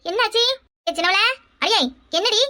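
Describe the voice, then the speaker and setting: A woman voicing a loud, fretful village mother in a cartoon, with a Kanyakumari Tamil accent and a shrill, scolding manner. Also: moderate pace. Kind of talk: cartoon voice acting.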